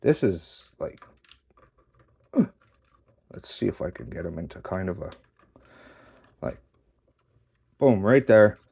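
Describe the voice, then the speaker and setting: A man casually reviewing a model kit while posing it, relaxed, swearing now and then, and a bit out of breath. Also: low voice, takes it slowly, long pauses, husky. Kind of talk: casual hands-on toy review.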